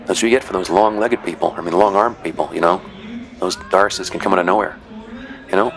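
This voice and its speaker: Speaking fairly quickly in a deep, fairly bright voice, a man offers loose commentary on matches he refereed. He tends to ramble, leaning on "uh" and "you know," with wry asides mixed in.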